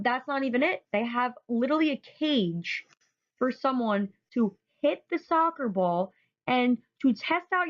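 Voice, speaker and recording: Woman, slightly high voice, enthusiastic presenter, repeats words, dull lo-fi recording. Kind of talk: narrated photo presentation.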